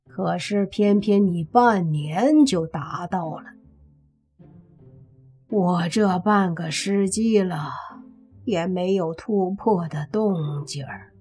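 A woman's voice: medium pitch, dark tone, husky. A woman voicing a joking, self-pitying male zombie companion with casual, bantering talk.

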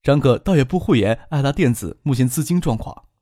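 A man narrating an audiobook in a steady, unhurried storytelling voice, recorded on a close studio mic. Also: medium pitch, no echo.

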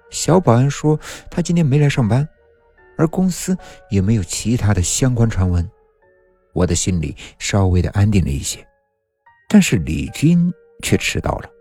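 A man's voice: lowish voice, mellow, breathy edge, dry recording. A man narrating a horror story in a dramatic, suspenseful way. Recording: dry close mic with faint music.

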